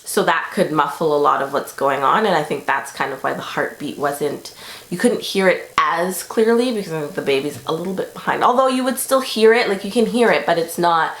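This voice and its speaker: A young woman talking casually to her viewers, rambling along with plenty of fillers. Her voice sits a little low. The room gives it a noticeable echo. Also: a little fast. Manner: chatty, rambling, lots of fillers. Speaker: vlogger. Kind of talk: casual pregnancy update vlog.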